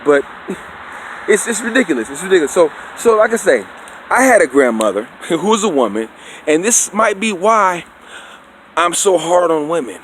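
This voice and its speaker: A man's voice: high-pitched, very animated, moderate pace, a bit bright, a little hiss or hum. A man giving a preachy, conversational opinion monologue, constantly checking in with his listener. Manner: preachy and conversational, keeps asking "you know what I'm saying". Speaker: vlogger.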